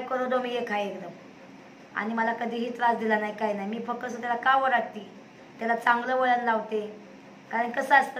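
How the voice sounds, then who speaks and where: A woman's voice: on the high side, a bit bright. A woman, telling her own story to viewers in an emphatic, repetitive, indignant way. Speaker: vlogger, single mother. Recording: echoey room with faint noise.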